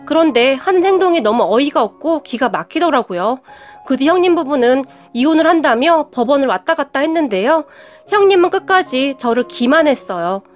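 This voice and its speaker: A woman narrates a scripted first-person story, indignant and confiding. Her voice is high and swings widely in pitch. Soft background music plays throughout.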